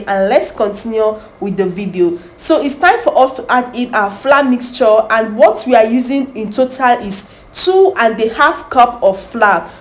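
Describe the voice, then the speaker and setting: Chatty woman baking tutorial host. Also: on the high side. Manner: friendly, repetitive, asks viewers "do you understand?".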